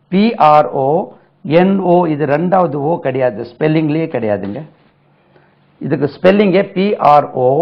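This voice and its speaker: Tamil-accented male English tutor, raised pitch, gravelly voice, dull lo-fi recording, drills spelling slowly. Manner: spells words letter by letter and repeats them slowly. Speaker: spoken English teacher. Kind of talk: classroom lesson explaining pronunciation.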